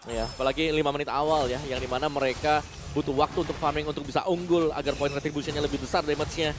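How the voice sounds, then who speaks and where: Esports caster-analyst, male, Indonesian accent, high voice, brisk analytical delivery. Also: steady tone, noisy background. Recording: music behind the voice. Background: music.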